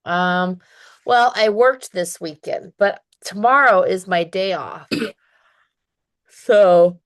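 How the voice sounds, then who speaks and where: A woman's voice: medium pitch, slow. A woman teaching an online English lesson, chatty and encouraging, with frequent laughs; she is dizzy today. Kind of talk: one-on-one online lesson chat.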